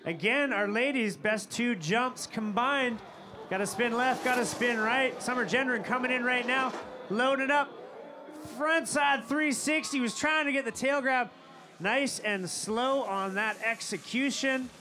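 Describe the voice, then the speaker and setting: A man doing live sports commentary at an outdoor ski event, upbeat and quick to cheer people on. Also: extremely high pitch, background noise.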